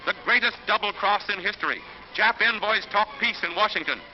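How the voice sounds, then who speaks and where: A man narrates an old 1940s newsreel in a high, emphatic announcer's voice. The sound is dull and lo-fi like an early film soundtrack. Loud orchestral music plays under him. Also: fairly quick.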